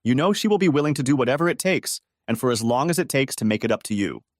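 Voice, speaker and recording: A man's voice: mid-range voice, lively intonation, fast talker, dry recording, studio quality, natural voice. A man putting on a soothing, pleading woman friend. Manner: soothing, apologetic, insistent. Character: calm, pleading woman friend, soft but firm.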